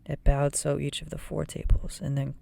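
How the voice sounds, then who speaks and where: A person reading a children's fantasy novel aloud in a soft, breathy ASMR whisper. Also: medium pitch, monotone, moderate pace, slight background noise. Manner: soft whisper, often voiceless.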